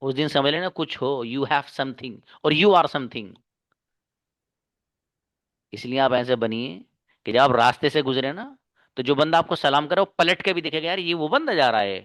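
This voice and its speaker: A man's voice: mid-range voice, a little slow, long pauses, fairly bright tone. A man teaching an online English class, talking earnestly and coaxingly to his students, calling them brother and daughter. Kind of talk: motivational talk to students. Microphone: online class mic.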